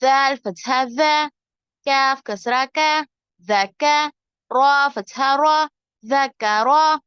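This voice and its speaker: A woman teacher drills Arabic letters and syllables, one careful piece at a time. Her voice sits high and moves very slowly. The recording is dry and a little dull. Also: dry recording. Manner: slow, deliberate syllable-by-syllable drilling. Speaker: Quran reading teacher.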